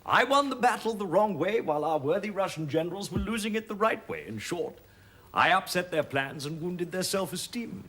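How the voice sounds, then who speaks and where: A man's voice: high voice, expressive, moderate pace, a bit bright, husky, exaggerated voice. A man playing a proud, bitter cavalry officer. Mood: sardonic. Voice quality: grand, theatrical delivery. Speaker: cavalry major. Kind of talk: stage play acting.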